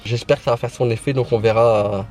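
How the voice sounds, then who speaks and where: A man's voice: mid-range voice, fairly even intonation, fast talker, darkish tone, faint music behind. Lisping Frenchman chatting casually, slushy s. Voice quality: slushy lisp on s sounds. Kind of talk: casual vlog chat to camera.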